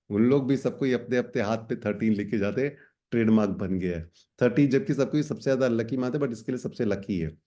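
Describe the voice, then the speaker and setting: A man's voice: mid-range voice, dark tone. A man teaching a class of students in a chatty way, switching between Hindi and English phrases. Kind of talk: explanatory class talk.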